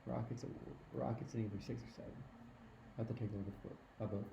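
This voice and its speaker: A man's voice: on the low side, fairly even intonation, fast talker, gravelly, noisy background. A man co-hosting a podcast, chatting casually about sports and teasing his partner. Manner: teasing, trash-talking. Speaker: podcast co-host. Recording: echoey room, dull lo-fi sound.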